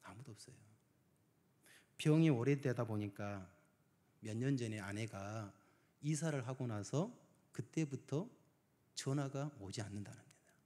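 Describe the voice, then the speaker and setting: A male pastor preaching a sermon. He swings between hushed, near-whispered phrases and loud emphasis, and asks the congregation many rhetorical questions. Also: medium pitch, a little slow, long pauses.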